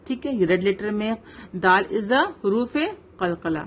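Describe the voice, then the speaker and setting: A woman with a Pakistani Urdu accent teaching tajweed in an online lesson, slowly modelling recitation and checking with the student. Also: medium pitch, lively intonation, a little hiss or hum. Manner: slow, careful modelling of recitation, checks with "right?".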